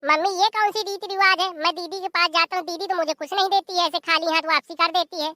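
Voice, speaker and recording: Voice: extremely high pitch, steady tone, quick pace, sharp tone, dry recording, studio quality. A performer voicing a cheeky, complaining young brother-in-law.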